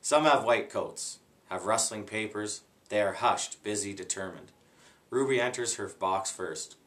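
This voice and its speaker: A man reads a children's book aloud at an easy, unhurried pace. His voice sits low and plain, with no performance flourishes. Now and then he stops and rereads a line he stumbled on. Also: fairly bright tone. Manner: unhurried, plain reading, stops to redo slips. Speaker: guest reader.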